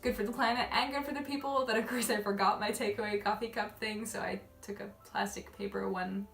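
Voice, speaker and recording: A young woman who grew up in Malaysia talks a little fast to camera as a travel vlogger, rambling casually and laughing at herself often. Her medium-pitched voice is fairly bright, with fairly even intonation. An echoey room, distant mic and faint music come through.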